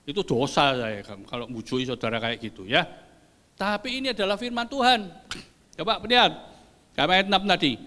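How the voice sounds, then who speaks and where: An older man preaching a sermon as pastor, lively and joking with the congregation. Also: sits high. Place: church hall. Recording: long church hall reverb.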